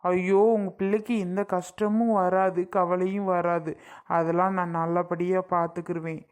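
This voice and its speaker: A woman's voice: lowish voice, flat delivery, normal speed, close to an everyday voice. Woman voicing an earnest young village groom. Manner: earnest, promising. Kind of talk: cartoon voice acting.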